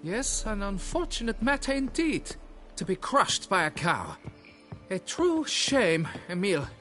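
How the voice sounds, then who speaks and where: Brief: a man playing a shrill, fussy game foreman, voice swooping all over, always haggling. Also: sing-song, measured pace, bright, forceful tone, faint music behind, full character voice. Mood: flustered. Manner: flustered, pleading and haggling, old-fashioned oaths. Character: fussy, blustering male quarry foreman, middle-aged. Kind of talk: fan dub of a video game.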